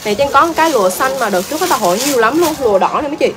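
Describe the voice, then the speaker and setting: A woman's voice: high voice, animated, racing, poor audio. A woman selling clothes on a livestream, chatty and exclaiming, repeating prices over and over. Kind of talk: fast live-selling patter.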